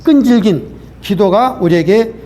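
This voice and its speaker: Male pastor, high-pitched, earnest sermon storytelling with rhetorical questions. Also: measured pace, dark tone.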